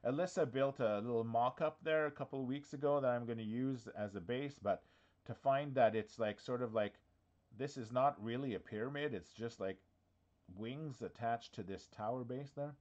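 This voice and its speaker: A man's voice: mid-range voice, moderate pace, a little mellow, lo-fi sound. Chatty man thinking aloud in an office. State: has the hiccups. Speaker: diorama workshop host. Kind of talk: casual live office-cam walkthrough.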